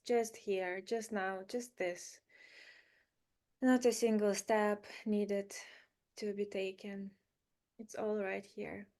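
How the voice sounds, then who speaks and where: Gentle repetition, pauses and short phrases mark this woman's spiritual guided meditation. Her medium-pitched voice stays soothing and unhurried throughout.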